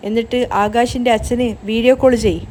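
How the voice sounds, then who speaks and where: A scheming young woman who gives orders in a sharp, commanding way, as a woman narrator reads her, her voice fairly high, with faint background hiss under the story recap. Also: steady tone, fairly quick, lightly acted. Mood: bossy.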